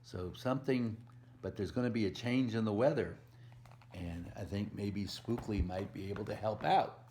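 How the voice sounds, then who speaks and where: Against a faint hiss or hum, a man with a low-leaning, warm voice reads at normal speed to preschoolers as a volunteer storyteller. He brings out the rhymes of the picture book and adds simple asides and questions for the kids.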